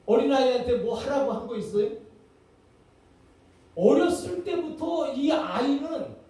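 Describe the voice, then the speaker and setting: A man's voice: extremely high pitch, a little mellow. A man giving a lecture on parenting, talking conversationally and quizzing his listeners with rhetorical questions. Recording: echoey hall from far off.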